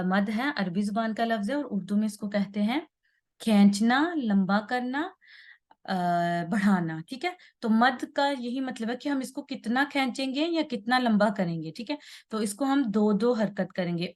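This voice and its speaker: A woman teaching Quran recitation rules. She explains patiently, draws out vowel sounds to show their length and checks in often with her listeners. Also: medium pitch. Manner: patient, repeats and stretches sounds, checks in with "theek hai". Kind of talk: slow tajweed lesson at a whiteboard.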